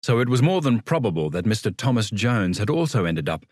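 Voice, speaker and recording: A man's voice: on the low side, big pitch swings, fairly quick, a little mellow, no echo, clean studio sound. A man reading a literary story as a scripted audiobook narration.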